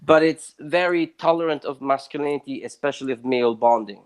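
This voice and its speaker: A man from Southern Italy, talking as a guest in a casual interview, emphatic and swinging widely in pitch and loudness. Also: brisk, clear, resonant tone.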